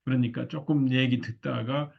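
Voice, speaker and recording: A man's voice: medium pitch, fairly even intonation, moderate pace, creaky, lo-fi sound. A man lecturing on marriage communication skills, talking in a loose way full of fillers. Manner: loose, filler-heavy lecturing with frequent "이렇게" and "어".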